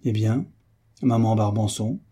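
Audiobook part: cheerful, teasing young soldier, husky and dark in tone, voiced by a male reader. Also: on the low side, measured pace. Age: young adult. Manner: lively, teasing, resolute.

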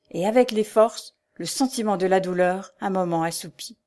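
A woman narrates an audiobook of a classic novel. Her delivery is measured, clear and expressive. Her voice sits at an ordinary middle pitch.

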